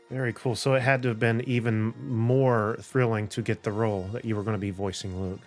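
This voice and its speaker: A man hosting a podcast interview, encouraging his guest with quick affirmations. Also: fairly low pitch, little pitch movement, faint music behind. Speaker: podcast host. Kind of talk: casual interview chat.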